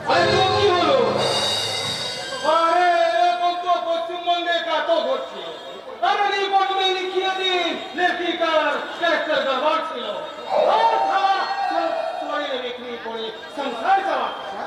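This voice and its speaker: Hammy, high-pitched blustering police boss. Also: male voice, measured pace. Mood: angry, commanding. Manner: hammy, declamatory stage acting. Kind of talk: Bengali folk theatre stage drama. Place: stage in a large hall. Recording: echoey hall, distant mic, loud crowd.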